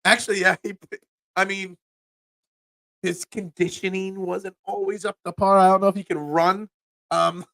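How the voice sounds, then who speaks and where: Reading chat on his solo sports talk show, a man in his forties with a Philadelphia accent rambles, stammers through restarts, and throws chatty asides at viewers. His voice sits high and a bit bright, with no echo.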